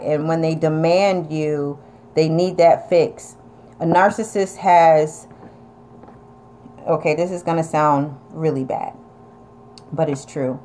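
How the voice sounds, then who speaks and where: A woman's voice: lowish voice, warm tone, a little hiss or hum. A woman with an upstate New York accent, chatting casually and bluntly as she reads and answers viewer comments. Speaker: vlogger reading viewer comments. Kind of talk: casual advice chat.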